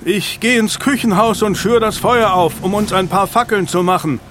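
A man's voice: fairly high pitch, lively intonation, slow pace, fairly bright tone, slight background noise, voice pushed up. A man voicing a helpful grown man who calls out over a storm. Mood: calling out. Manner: raised voice calling out in a storm. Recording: music bed underneath.

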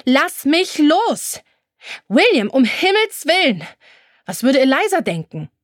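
A woman voicing a frightened young woman who pleads, high and strained, to be let go, in an audiobook reading. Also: lively intonation, unhurried, mellow, no room sound, studio quality. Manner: high, pleading, rising to screams. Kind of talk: audiobook character voice.

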